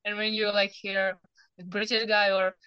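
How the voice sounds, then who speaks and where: A young woman with a Ukrainian accent, a guest chatting casually over a video call, halting and searching for her words. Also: medium pitch, level tone, smooth, dry recording, lo-fi sound. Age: young adult. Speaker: guest athlete. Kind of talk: casual interview chat.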